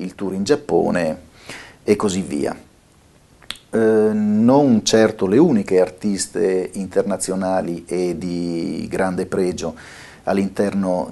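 A middle-aged man from Italy, seated in a studio, presents an upcoming concert from his notes on a lapel mic, pausing often on fillers. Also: on the low side, slightly rough. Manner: lively, with frequent filler pauses. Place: bright studio office, seated at a desk.

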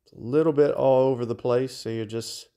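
Chill guy with a gravelly voice talking thru his golf game shots, methodical, kinda dark tone. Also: medium pitch, brisk. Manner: calm, methodical explaining of shot calculations. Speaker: game guide creator. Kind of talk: mobile game walkthrough commentary.

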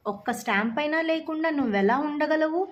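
A gentle, grieving young boy, voiced by a woman in a storybook reading. He speaks in a low, tearful voice, doubtful and disbelieving. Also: animated, a little fast, lo-fi sound.

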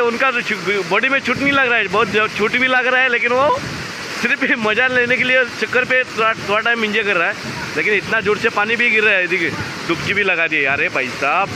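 A man filming a casual travel vlog outdoors by a loud waterfall, excited and jokey, often repeating himself. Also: high-pitched. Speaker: vlogger. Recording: noisy outdoor recording. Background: waterfall roar and ambience.

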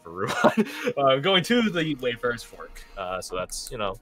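A man's voice: mid-range voice, wildly swooping pitch, normal speed, fairly bright tone, faint music behind. Rambling young man running the game. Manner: rambling storyteller, many fillers and restarts. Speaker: game master. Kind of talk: casual chat, running a tabletop game.

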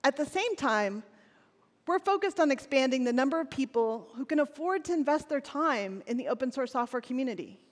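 Woman, 40s, keynote presenter on a big stage; earnest scripted delivery, slightly high voice, lapel mic in a reverberant hall. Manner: scripted, earnest, occasional restarts. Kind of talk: conference keynote speech. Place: large stage in a conference hall. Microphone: headset or lapel mic on stage.

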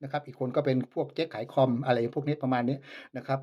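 A man's voice: medium pitch, level tone, fast talker, lo-fi sound. A man who makes flutes, demonstrating and selling them in a casual vlog, polite but scornful of his rivals. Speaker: flute maker.

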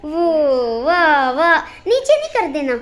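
A woman, narrating a casual home vlog in a fond, chatty way. Her voice sits fairly high for a woman. She is recorded on a handheld phone indoors at home. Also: sing-song, slow pace. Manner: chatty, affectionate, talks fondly to the cats. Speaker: vlogger. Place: home kitchen and rooms, indoors.

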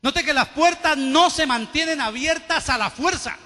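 A fervent male pastor preaching to his congregation, his voice pitched very high and bright, ringing with force. He throws questions out to the crowd and has them repeat lines back. The sound carries the long reverb of a large church hall. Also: moderate pace. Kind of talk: sermon.

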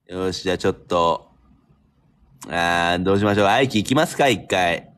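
A man's voice: low voice, normal speed, fairly bright tone, smooth. A man with a Kansai accent hosting a live stream battle, teasing and throwing playful insults.

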